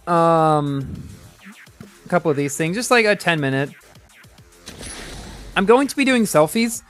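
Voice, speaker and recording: Male live streamer, bright animated voice, casual running commentary over faint music. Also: on the high side. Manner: chatty, reacts aloud to the game, many restarts. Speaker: game streamer.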